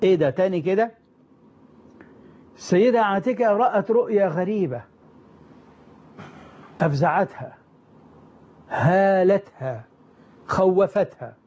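A man with an unusually high voice tells an old religious story as a storyteller. He is emphatic, rephrasing and repeating lines to press them home. The recording is dull and lo-fi. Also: unhurried, pauses often, a little mellow. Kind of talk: retelling early Islamic history.

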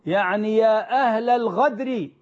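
A man with an unusually high voice tells an old religious story as a storyteller. He is emphatic, rephrasing and repeating lines to press them home. The recording is dull and lo-fi. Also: normal speed. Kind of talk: retelling early Islamic history.

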